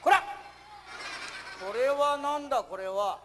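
A man's voice: very high-pitched, slow pace, bright, forceful tone, a little hiss or hum. A man performing a puppet show for children, playfully scolding his puppet and calling out to the audience.

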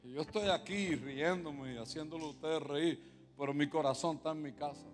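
A man preaching a sermon as pastor, moving from quiet confiding talk to loud, impassioned preaching and slipping in English words. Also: on the high side, a little fast. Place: large church hall. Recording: long hall reverb with music behind.

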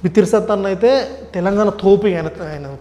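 A man talks as a comedian guest in a casual interview. He tells stories rapidly and with a lot of animation. His voice sits high and his words come quickly. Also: warm tone.

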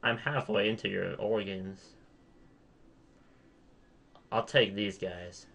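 A man's voice: fairly low pitch, fairly even intonation, slow pace, gravelly, a bit bright, husky. A young man hosting a casual gaming chat, rambling, restarting his sentences and putting himself down. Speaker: channel host.

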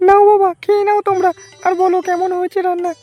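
A woman voicing a scolding, sharp-tongued old mother-in-law in a cartoon. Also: extremely high pitch, level tone, fast talker, no room sound, highs cut off, faint music behind. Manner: scolding, nagging.

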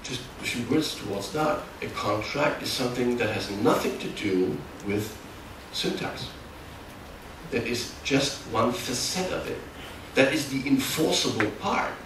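A German conference speaker in middle age, from close to the Dutch border, talks through a technical workshop with a mid-range voice and lively intonation, his accented explanations halting and frequently self-corrected. He stands in a large, darkened hall. Because the mic is a far camera, the audio is echoey with background noise.

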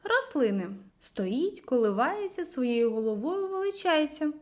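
A woman's voice: high voice, sing-song, a little slow. A woman reading riddles and a lesson from a school textbook aloud in a sing-song way. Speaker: textbook reader.

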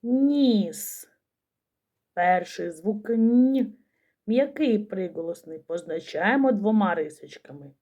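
Slow, careful woman teaching young children. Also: lowish voice, lively intonation, darkish tone. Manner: slow, careful, sounding out each letter. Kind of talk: children's phonics lesson.

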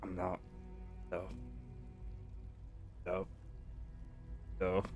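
A man streaming a game live, exasperated and swearing, with bursts of yelling between muttered commentary. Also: deep voice, completely flat delivery, drawn-out words, over loud music. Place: home desk.

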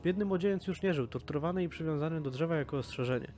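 A man's voice: on the high side, racing, darkish tone, lightly acted. Man reading as a proud old elf advisor. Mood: grim. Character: old male elf advisor, former spy, boastful. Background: game music.

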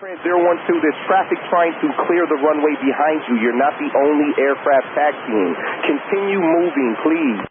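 A man's voice: on the high side, lively intonation, moderate pace, few pauses, narrow, tinny audio. A man working as an air traffic controller, giving firm, impatient, repeated instructions over a crackling radio link with static bursts. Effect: crackling radio transmission with static bursts. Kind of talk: clipped radio instructions to a pilot.

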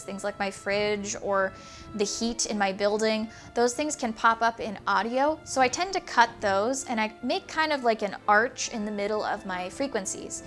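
A YouTube creator in her twenties talks casually to camera about her gear, her higher-pitched, somewhat nasal voice carrying a fairly bright tone. Chatty and gesturing with her hands, she explains each piece step by step. She's in a small, non-soundproofed indoor home studio with shelves, recorded on a small lapel mic clipped to her hoodie.

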